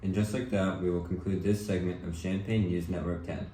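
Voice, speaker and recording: Man playing a deep, mellow 1940s news anchor. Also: fairly even intonation, a little fast, natural voice. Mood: earnest, formal. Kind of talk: scripted 1940s newscast role-play. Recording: roomy echo with faint noise.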